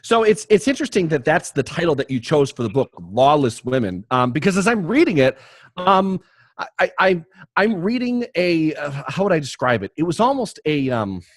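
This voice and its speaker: Male podcast host, animated delivery, joking and rambling, dry close sound. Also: a little high, moderate pace, no room sound. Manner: jokey, rambling, many restarts. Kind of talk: casual podcast chat and promo read.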